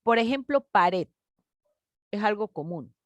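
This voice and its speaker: A woman teacher, patiently explaining a grade-school grammar lesson and stretching out example words slowly. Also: medium pitch, lively intonation, no room sound, lo-fi sound. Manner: patient, explanatory, addresses children warmly as "mis niños".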